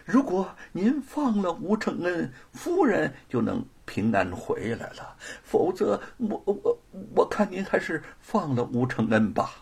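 Guy doing a scared little servant, half whispering, breathy. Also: high-pitched, huge pitch swings, measured pace, hardly any pauses, full character voice. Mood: timid. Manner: hushed, cautious, half-whispered. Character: timid male house servant.

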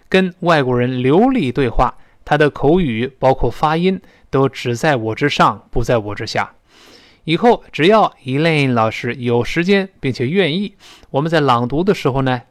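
A man teaching a spoken English lesson who explains pronunciation and slowly models English phrases with a Mandarin Chinese accent. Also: mid-range voice, no echo, clean studio sound.

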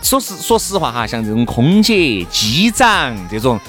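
A man's voice: medium pitch, very animated, normal speed, fairly bright tone, faint music behind. A man with a Sichuan accent co-hosting a talk show, chatting casually and animatedly in colloquial dialect, with exclamations and emphatic repetition. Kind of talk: animated casual chat for listeners.

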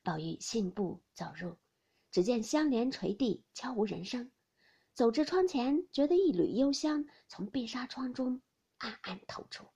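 A woman reading a classic novel aloud and acting out each character's lines with big pitch swings. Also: lively intonation, unhurried, warm tone, breathy edge. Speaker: storyteller.

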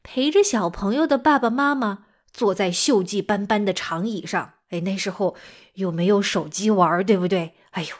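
A woman's voice: medium pitch, moderate pace. A woman hosting a children's lesson, telling stories as if reading to a young child, with exaggerated emphasis and frequent questions. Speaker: children's teacher and storytelling show host. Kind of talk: animated storytelling for young children.

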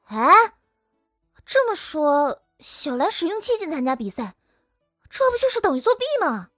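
A man playing an upright teen karate girl, high falsetto, hesitant, audiobook story. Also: big pitch swings, normal speed, a bit bright, dry recording, studio quality, soft background music, exaggerated voice. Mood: alarmed. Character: earnest upright teenage girl karate star.

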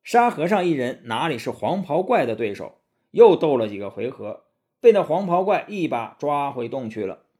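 A man narrates a classic tale as a children's storybook. His voice is husky and animated, rising and falling expressively. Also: medium pitch, normal speed.

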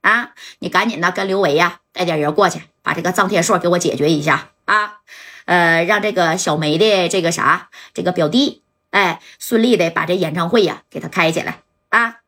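A woman voicing a smooth-talking rich young man, who soothes people and boasts. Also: lowish voice, fairly bright tone, voice pushed down. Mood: commanding. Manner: soothing, boastful, drawn-out phrases.

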